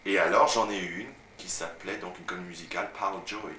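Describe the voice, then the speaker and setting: A young Parisian actor with a low voice talks quickly and casually about his career, dropping "tu vois" again and again as he tells stories during an at-home interview. The home video was captured on a distant camera mic, so it sounds roomy and noisy.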